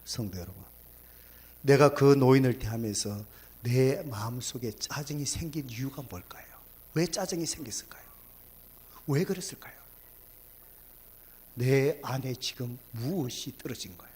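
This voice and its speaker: A male pastor, preaching a sermon, swinging between loud exclamations and hushed whispers. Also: mid-range voice, moderate pace, long pauses, slightly rough.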